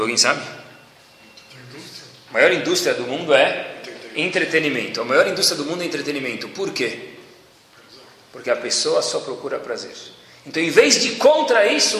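Male Torah teacher, forceful and bright, voice ringing around a long-reverb hall. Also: on the high side, a little hiss or hum. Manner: keeps calling out to listeners and asking them questions. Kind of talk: religious lecture to a group. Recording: echoey hall with faint ambience.

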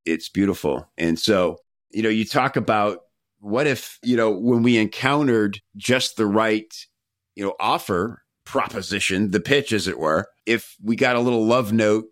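A man's voice: lowish voice, moderate pace, dry recording, studio quality. A man hosting a podcast interview, chatting casually with frequent "you know" fillers. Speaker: podcast host.

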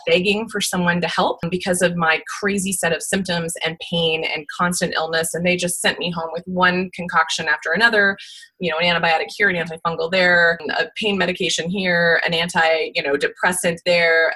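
Female podcast guest, 40s, smoker's rasp, bright forceful edge, candid and emphatic storyteller. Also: lowish voice, a little fast, low-quality recording. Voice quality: smoky, raspy, like a smoker's rasp. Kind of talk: candid personal storytelling in conversation.

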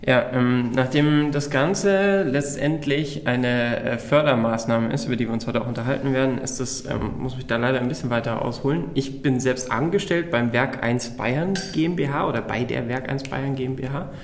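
The room echo is plain around this man's voice, which sits at an average pitch. He speaks as an interview guest, explaining in a conversational way. His delivery is halting, with pauses as he searches for wording. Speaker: interview guest, games funding project manager. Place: echoey room in an office building. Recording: echoey room.

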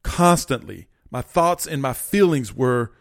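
A man's voice: medium pitch, expressive, measured pace, gravelly, no echo, clean studio sound. A man hosting a motivational podcast, talking earnestly and repeating key points like a preacher. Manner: earnest, repetitive, preachy, quotes definitions. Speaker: motivational podcast host and coach. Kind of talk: motivational monologue.

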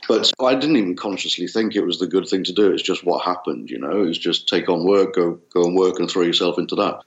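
A man from the UK, a wedding photographer guest with a deep bassy voice, hung over, chatting casually and laughing easily in an interview. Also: roomy sound, lo-fi sound. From United Kingdom.

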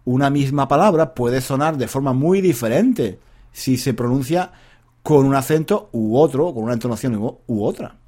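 A man's voice: mid-range voice, animated, normal speed, dark tone. A man teaching Spanish in a casual, rambling monologue. He speaks straight to his listeners, drifts off topic and laughs at himself when he loses his thread. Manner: addresses listeners directly.

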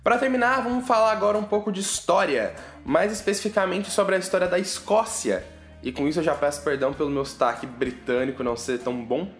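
A podcast host with a Brazilian Portuguese accent runs a casual science news show, chatting and joking with listeners in a high-pitched voice at a slightly fast pace. The recording has a roomy echo and faint music.

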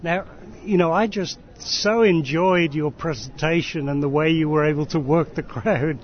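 Higher-voiced male interviewer, noisy dull recording. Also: normal speed. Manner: appreciative, encouraging. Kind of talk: casual chat interview. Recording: dull recording with clear background noise.

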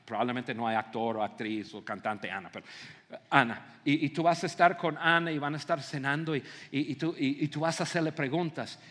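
A man preaches to an auditorium, his voice sitting high and carrying a long reverberant tail from the hall. He acts out everyday scenes with lively energy and often stumbles into repeated words. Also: a little fast. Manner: animated, acts out scenes, frequent stammered repeats. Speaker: pastor. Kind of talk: sermon. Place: large auditorium.

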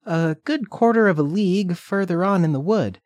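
A man's voice: high-pitched, expressive, normal speed, a little mellow, no echo, pitched above the performer's own voice. A man voicing an innocent little girl with an eager, polite manner. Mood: chirpy.

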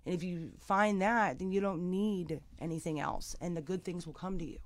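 A woman's voice: on the low side, normal speed, no echo. A middle-aged woman talking as an interview guest, earnest and emotional, often repeating words as she goes. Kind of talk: candid interview chat.

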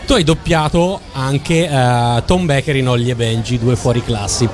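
A man co-hosts an interview with conversational questions. His pitch is average for a man. Music is clearly audible behind his voice. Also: normal speed. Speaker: interview co-host.

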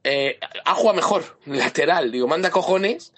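With a sore throat, a man leaves a rambling voice message for a fan podcast, his fairly high, slightly bright voice animated and moving at a normal speed. It's a casual message, and he keeps losing his thread and starting over.

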